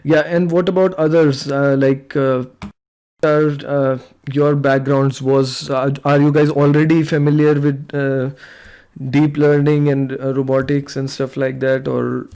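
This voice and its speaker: Hosting and presenting at a casual online meetup, a young man speaks in a mellow, smooth, medium-pitched voice at an unhurried pace. He's relaxed and says "like" and "uh" often, heard through a computer mic on a video call.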